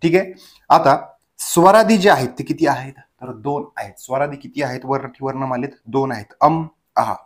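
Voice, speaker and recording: A man's voice: mid-range voice, normal speed. A male teacher giving an exam revision lecture in grammar, asking questions and answering them himself, over and over. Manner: drilling with repeated questions and answers.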